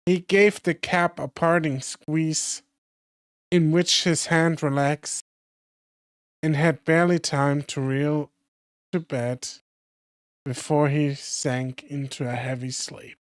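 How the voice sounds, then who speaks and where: Hoarse streamer narrating a classic story; slow, dry, close mic. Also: medium pitch, steady tone, dry recording. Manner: slow careful reading with small slips. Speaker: streamer and reader. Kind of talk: reading a classic novel aloud on stream.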